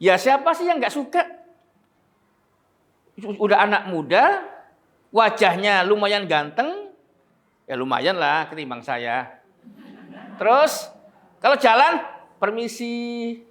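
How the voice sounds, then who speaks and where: A man's voice: sits high, big pitch swings, slow pace, long pauses, a bit bright. A man giving a religious lecture, telling emotional stories and talking straight to the audience. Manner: conversational, addresses audience directly, emotional storytelling. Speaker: preacher. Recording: echoey room.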